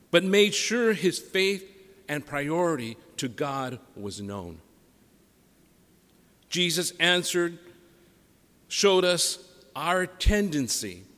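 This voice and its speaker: Priest preaching in cathedral-like echo. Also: male voice, fairly high pitch, a bit bright. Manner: measured, solemn, deliberate public delivery. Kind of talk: gospel reading and homily. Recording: echoing church, long reverb.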